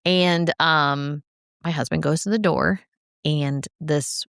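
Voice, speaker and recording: Low, gravelly middle-aged woman telling a story. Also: slow pace, no echo, clean studio sound. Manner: animated, laughing, acts out quoted speech. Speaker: podcast co-host. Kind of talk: casual storytelling chat.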